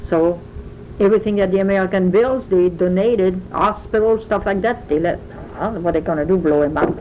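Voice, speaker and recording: In an oral history interview, an older woman from France tells her life story with a French accent, in a rambling, chatty way full of restarts. Her voice sits at medium pitch and moves a little fast, captured on a muffled recording with a bit of hiss or hum.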